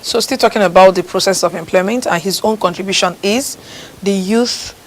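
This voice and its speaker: Woman, call-in show host, brisk, middle pitch. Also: low-quality recording. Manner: brisk, takes calls, presses callers to speak up. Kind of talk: broadcast call-in talk.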